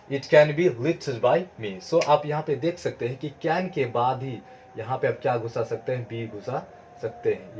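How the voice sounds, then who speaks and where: A man's voice: mid-range voice, darkish tone, highs cut off, slight background noise. Man teaching grammar, asking questions. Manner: asks questions then answers them himself. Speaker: English teacher. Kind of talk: explaining grammar to students.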